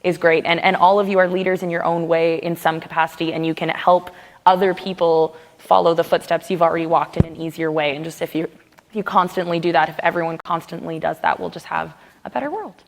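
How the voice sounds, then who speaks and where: A woman's voice: on the low side, steady tone, fast, creaky. A young woman on a panel giving an earnest, casual answer, filling her speech with "like" and "you know.". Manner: filler-heavy, earnest. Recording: hall reverb.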